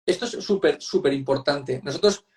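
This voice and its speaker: A guest psychotherapist with a Spanish accent explains things during an online interview, emphatic and conversational. His fairly high, darkish voice keeps a moderate pace, and he repeats points and uses tag questions to seek agreement.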